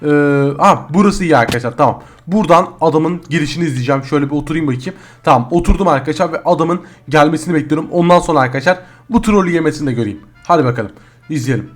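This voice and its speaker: A man's voice: a little high, racing. A man hosting a gaming video, talking casually through his gameplay and addressing the viewers as friends.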